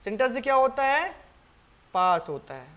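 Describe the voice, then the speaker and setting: With a very high, sing-song voice that sounds bright and forceful, a man teaches board exam maths step by step. He reads the English question slowly, one word at a time, asks questions and answers them himself, and repeats key steps. Patient and coaxing, he calls his students "beta."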